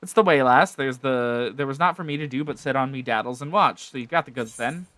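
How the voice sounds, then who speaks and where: A man reading out a gruff, rough-spoken male sea rogue in a folksy slangy dialect. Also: medium pitch, brisk, fairly bright tone, no room sound, close to an everyday voice.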